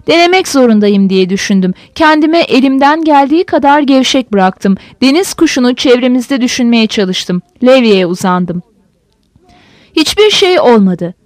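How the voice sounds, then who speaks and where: A woman reading a novel aloud as a narrator with expressive storytelling. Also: on the high side, normal speed, dry recording. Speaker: audiobook narrator. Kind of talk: scripted narration.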